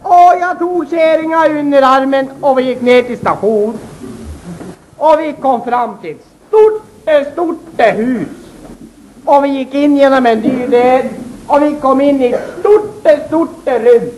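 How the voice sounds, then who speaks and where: A man's voice: very high-pitched, darkish tone, slight background noise, low-quality recording. A man voicing an old rustic farmer who tells a rambling comic yarn in a folksy way, often calling to his listeners. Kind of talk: comic character monologue.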